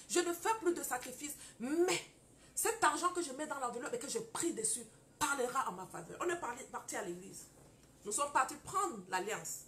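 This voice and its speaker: A woman teaching on marriage, mixing personal testimony with fervent preaching. She moves from quiet storytelling to loud declarations and addresses her listeners directly, scolding and urging them. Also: high voice, a little hiss or hum. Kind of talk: testimony-style preaching to an audience.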